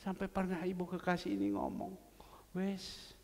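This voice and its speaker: A male pastor preaching a sermon, an animated storyteller who slips into Javanese phrases while acting out anecdotes. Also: sits high, unhurried, creaky. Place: church sanctuary. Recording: long church hall reverb.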